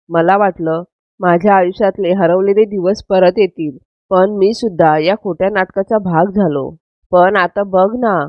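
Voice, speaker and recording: A woman voicing a grieving middle-aged head of the household who speaks with slow remorse, in a dull, dry, lo-fi recording. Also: mid-range voice, no room sound, natural voice.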